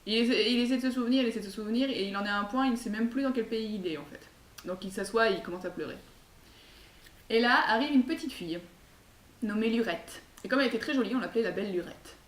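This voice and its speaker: A woman's voice: fairly high pitch, quick pace. A woman telling a folk tale in a casual, chatty way, full of hesitant fillers and asides. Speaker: storyteller. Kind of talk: casual oral storytelling. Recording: echoey room, far mic, faint hiss.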